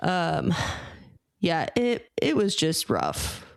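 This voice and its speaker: A woman co-hosting a casual sports podcast, talking in a measured, thoughtful way with a few fillers. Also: lowish voice, wildly swooping pitch, creaky, no room sound. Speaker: podcast co-host.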